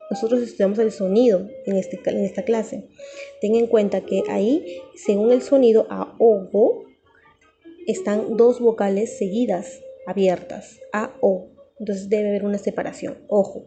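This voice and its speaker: A woman teacher giving a recorded grammar lesson, patient and repeating key terms slowly for her students. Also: mid-range voice.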